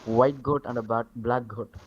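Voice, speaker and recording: A man asking a question over a bad connection, his voice muffled and tinny as if talking through a can, halting and repeating himself. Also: steady tone. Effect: bad connection, muffled tinny mic like talking through a can. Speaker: caller in a live stream. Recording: muffled tinny low-quality mic.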